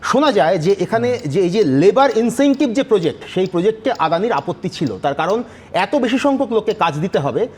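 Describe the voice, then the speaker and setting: A man's voice: sits high, very animated, brisk, a little mellow, husky. A man arguing as a guest on a televised debate, insistent and talking over interruptions. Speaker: panel guest. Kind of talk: studio debate argument.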